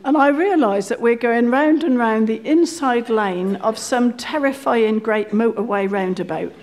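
A woman's voice: fairly high pitch, measured pace, a little mellow. A woman telling a wry, self-deprecating comic story live on a theatre stage. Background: audience laughter.

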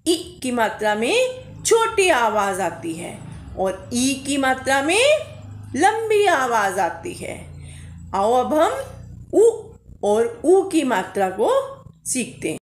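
A woman teacher reading a Hindi lesson aloud to young children syllable by syllable, calling herself ma'am. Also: a little high. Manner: calls herself "ma'am", addresses pupils as beta, drawn-out vowels. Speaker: primary school Hindi teacher. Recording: echoey room.

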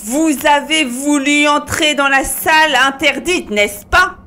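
A woman's voice: sits high, expressive, a little slow. A woman voicing a cruel murderous husband who gives cold, commanding orders in a fairy-tale reading. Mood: menacing.

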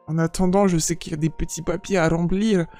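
Woman playing a gentle, formal hospital receptionist. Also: fairly low pitch, steady tone, faint music behind, natural voice. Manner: polite, measured, hesitant consoling. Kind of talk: game role-play voice acting.

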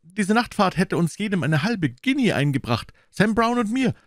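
A sulky Victorian police constable complains loudly in a pitched-up voice, as a male narrator puts him on. His grumbling sits close and dry. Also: big pitch swings, normal speed, dry recording. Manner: loud, complaining. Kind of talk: audiobook reading.

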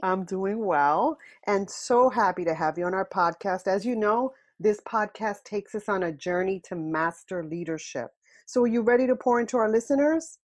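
A woman hosting a leadership podcast, asking questions and affirming her guest in a warm, encouraging way. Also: medium pitch, moderate pace. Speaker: podcast host. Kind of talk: interview hosting.

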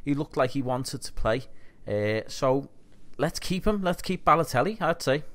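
A man's voice: mid-range voice, animated, normal speed, fairly bright tone. Man co-hosting a football podcast. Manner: conversational, asks his co-host questions. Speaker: podcast co-host. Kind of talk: casual football chat.

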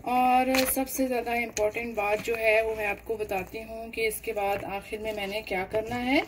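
A woman's voice: fairly high pitch, fairly even intonation, noisy background. Woman, cooking tutorial. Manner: unhurried, explains each step with many fillers. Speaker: cooking channel host. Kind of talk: home cooking demonstration voice-over.

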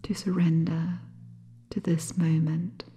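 Faint singing bowl music sits beneath a woman guiding listeners toward sleep in a soft, breathy, low voice. Her pace is very slow, her tone stays level with barely any rise or fall, and her manner is calm and comforting.

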